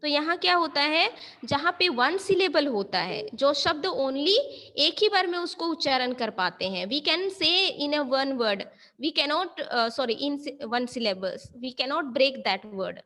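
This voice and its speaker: A woman's voice: high voice, expressive, slow pace, sharp tone. A woman teacher taking an online grammar class, mixing Hindi and English and often checking whether the students have understood. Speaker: school teacher.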